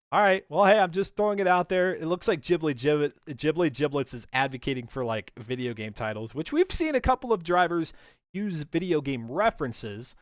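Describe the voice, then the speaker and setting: Man, host, casual chat, slightly high, smooth voice, stumbles and laughs, dry sound. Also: lively intonation, normal speed, dry recording. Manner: jokey, stumbling restarts, laughs often. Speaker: stream host. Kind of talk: casual chat on a racing stream.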